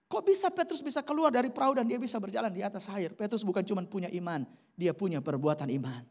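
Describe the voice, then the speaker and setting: Pastor, church sermon, animated storytelling, direct address to the congregation, medium pitch. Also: fast talker. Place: church service.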